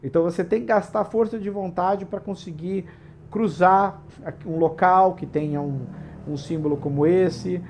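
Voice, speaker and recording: A man's voice: high-pitched, steady tone, normal speed, a little mellow, a little hiss or hum. A man with a Brazilian Portuguese accent, hosting a tabletop RPG channel and explaining rules in a casual, digressive way with frequent tag questions.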